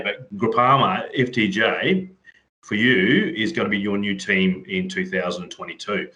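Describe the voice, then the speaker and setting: A man's voice: lowish voice, bright, forceful tone, rough recording. A man interviewing a cyclist, asking long rambling questions full of "you know" and "um". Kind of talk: casual interview.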